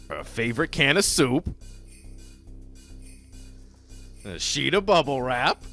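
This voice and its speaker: A man's voice: mid-range voice, pushed and bright. A man playing a jolly ghoul horror host, presenting in a campy, theatrical way with slangy, folksy address to his audience. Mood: affectionate, excited.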